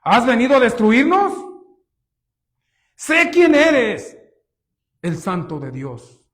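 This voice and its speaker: A man preaching who voices a frightened male demon. The demon shouts out a terrified recognition, with the voice raised in alarm. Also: huge pitch swings, slow, full character voice. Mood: defiant. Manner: cries out loud and high.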